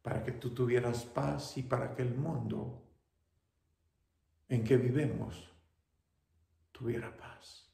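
A young wounded soldier, brave and selfless, answering his mother, as a preacher acts him out. He speaks very slowly with a gravelly low voice and a Mexican accent. Every word rings around an echoing church hall. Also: steady tone. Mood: fervent. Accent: Mexican Spanish. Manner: quiet and low, then proud and raised.

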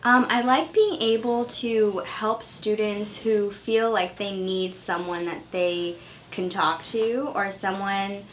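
A young woman, a school counselor, speaking gently into a handheld mic in an office. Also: mid-range voice, fairly even intonation, slow, slight background noise. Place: office, indoors. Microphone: handheld mic held by interviewer.

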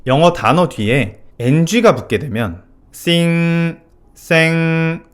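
A man working as a vocal coach, giving a methodical vocal technique lesson and explaining technical terms clearly. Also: medium pitch, slight background noise.

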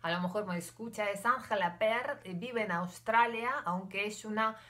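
Speaking at a moderate pace in a medium, slightly bright voice, this older woman from Ukraine talks to camera at home as a vlogger. Russian is her native language and she has a Russian accent; she is chatty, hesitant, and moves her hands as she speaks.

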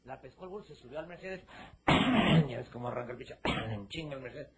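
A man's voice: mid-range voice, expressive, brisk, crowd noise. A man with a Mexican accent telling a crude, slangy joke with casual asides. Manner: profane slangy storytelling with asides. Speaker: joke teller.

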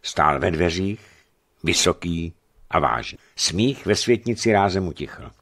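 Brief: deep-voiced male narrator, lively melodic delivery, radio book reading. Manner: steady storytelling, expressive.

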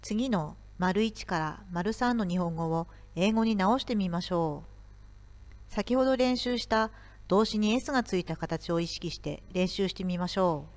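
A woman teaching a recorded video lesson. Her voice sits a little low, and she explains each point slowly and carefully, like walking a class through grammar. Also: darkish tone.

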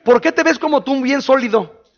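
High-voiced preacher quizzing listeners. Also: male voice, muffled recording. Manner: conversational, quizzes the audience with quick questions. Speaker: pastor. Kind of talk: sermon teaching.

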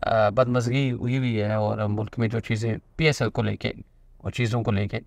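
A man's voice: on the low side, flat delivery, moderate pace, gravelly, dry recording. A man, hosting a casual cricket chat in a small studio and talking emphatically. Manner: talkative, emphatic, gesturing. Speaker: show host, cricketer and actor.

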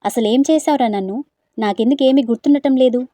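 Quarrelsome young woman, raised accusing voice, voiced by a female narrator, warm and dry. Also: fairly high pitch, brisk, no echo, natural voice.

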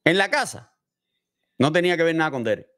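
A man's voice: fairly high pitch, lively intonation, a little fast, fairly bright tone. A man hosting a casual true-crime commentary, explaining with gestures and asking his viewers rhetorical questions. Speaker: host commenting on a criminal case.

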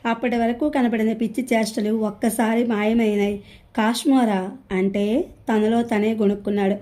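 Brief: female audiobook narrator, mellow and fairly high, steady novel reading. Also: normal speed. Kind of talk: novel read-aloud narration.

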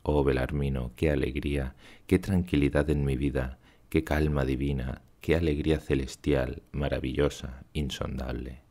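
A man with a Spain Spanish accent reading a literary audiobook in a solemn, measured, lyrical way. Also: rumbling low, fairly even intonation, warm tone. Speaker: audiobook reader.

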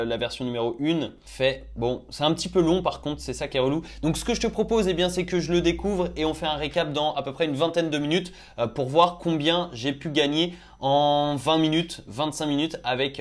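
A young man chatting casually as he tries out crypto apps on his phone, thinking aloud with lots of fillers. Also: a little high. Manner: chatty, thinks aloud with many "euh" and "du coup". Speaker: crypto YouTuber. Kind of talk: casual screen-recorded app review.

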